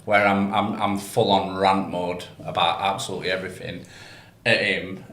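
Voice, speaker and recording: A man co-hosting a podcast, talking in a halting way and often repeating words. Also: low-pitched, flat delivery, a bit bright. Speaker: podcast co-host. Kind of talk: casual podcast chat. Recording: roomy echo.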